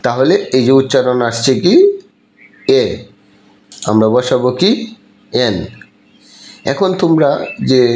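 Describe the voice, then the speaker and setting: A man's voice: mid-range voice, a little mellow, slight background noise. Man teaching, asking and answering questions. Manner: asks questions and answers them himself. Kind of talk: explaining a lesson to students. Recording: echoey room with faint ambience.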